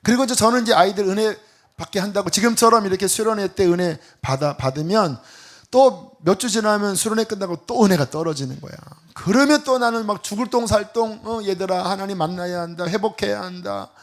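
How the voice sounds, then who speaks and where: Middle-aged male pastor, higher-pitched tenor, lively storytelling sermon. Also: brisk. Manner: animated storytelling, acting out quoted voices. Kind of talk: sermon with personal testimony.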